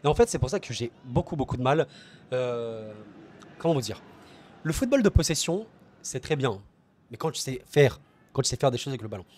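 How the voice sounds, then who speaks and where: A man's voice: mid-range voice, big pitch swings, a little fast, long pauses, a little mellow, a little hiss or hum. A man hosting a solo football debrief, talking passionately and directly to his viewers, often repeating words and restarting phrases as he thinks aloud. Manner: passionate, talks straight to viewers as friends. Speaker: football channel host.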